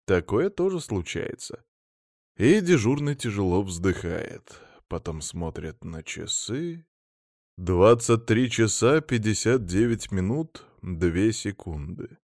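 Low wry male audiobook narrator. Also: darkish tone, dry recording, clean studio sound. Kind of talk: audiobook reading.

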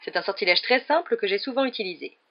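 A woman voicing a vain, overconfident adult male teacher in an audiobook reading, speaking loudly and with great self-assurance. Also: mid-range voice, quick pace, muffled recording, close to an everyday voice. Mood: pompous. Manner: loud, brassy and self-assured.

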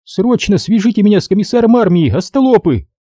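A bold, sharp-tongued young woman who shrieks in fear and barks orders in a high, strained voice, put on by a male audiobook reader. The tone stays husky and dark, read close and dry. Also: very animated, moderate pace, dry recording, exaggerated voice. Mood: fierce. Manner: shrill pleading turning to fierce barking.

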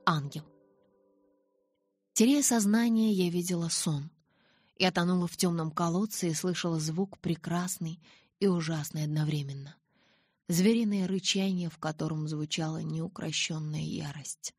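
A woman reading a novel aloud in a dramatic, intense way, with a husky voice. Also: fairly low pitch, normal speed, darkish tone, no echo, studio quality. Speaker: audiobook reader. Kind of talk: scripted narration.

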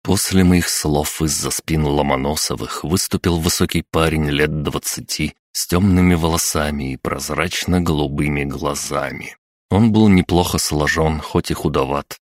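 Male audiobook narrator; very deep, sardonic, dry studio sound. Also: no echo. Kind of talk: first-person audiobook narration.

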